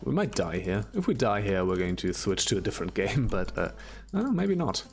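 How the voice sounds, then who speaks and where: A man's voice: fairly low pitch, sing-song, a little fast. A man casually commenting as he plays old computer games on a stream, chatty and swearing now and then, with game music behind him. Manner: chatty, swears while playing.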